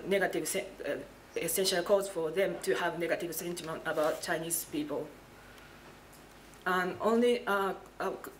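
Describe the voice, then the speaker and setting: A woman in her forties from Japan giving a conference talk at a lectern with a handheld mic, pausing often with fillers and restarts. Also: lowish voice, slight background noise, poor audio. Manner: hesitant, many fillers and restarts. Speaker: conference presenter, English teacher. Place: large lecture hall.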